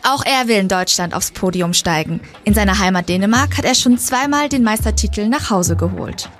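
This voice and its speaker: A female news reporter reading a scripted voice-over with faint music underneath. Her delivery is even and clear, a report read at a steady pace. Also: medium pitch, fairly quick.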